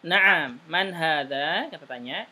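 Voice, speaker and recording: A man teaching a private Arabic lesson, explaining patiently and reading Arabic phrases slowly. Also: on the high side, animated, pushed and bright, slightly rough.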